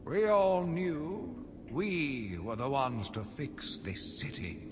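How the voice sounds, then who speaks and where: A solemn, brooding, theatrical monologue for a video game audio log comes from an actor portraying an embittered asylum doctor, grief-stricken and zealous, turning vengeful by degrees. His slightly high male voice takes big pitch swings, and he sounds zealous and hopeful while staying measured. The recording is loud with background noise and has a long reverberant echo.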